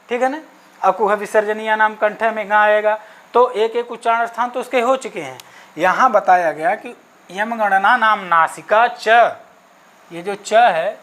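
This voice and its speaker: In an exam-prep Sanskrit grammar lesson, a man with a high, fairly bright voice poses questions and answers them himself. He checks in often with "okay" and spells out sounds one at a time.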